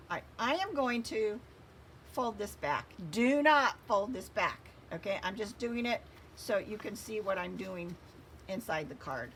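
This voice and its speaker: A woman's voice: mid-range voice, slight background noise. A woman hosting a craft tutorial, giving step-by-step instructions while she works with her hands.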